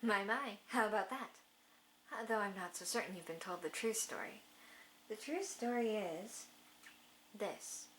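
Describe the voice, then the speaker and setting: A woman's voice: medium pitch, measured pace, long pauses, fairly bright tone, reverberant, slight background noise, voice pushed down, lightly acted. A woman voicing a friendly young male merchant in a game with polite, salesman-like patter. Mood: knowing.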